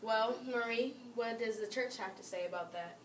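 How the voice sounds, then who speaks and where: A woman's voice: a little high, normal speed, lightly acted. A young woman playing an upbeat talk-show moderator. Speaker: student playing a debate moderator. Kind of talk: amateur class-project role-play. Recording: echoey room, mic far off, faint noise.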